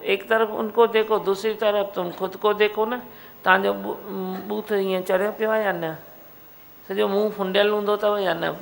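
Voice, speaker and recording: A woman giving a satsang discourse as spiritual teacher, animated, coaxing and scolding with rhetorical questions. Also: mid-range voice, creaky, poor audio.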